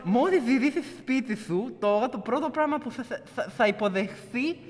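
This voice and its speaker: A man's voice: high-pitched, animated, fairly bright tone, long reverb tail. A man voicing a short, restless, gleeful goblin who lisps and mocks people's misfortunes. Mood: sly, gleeful. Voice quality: lisp. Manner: mocking, delighted by others' trouble.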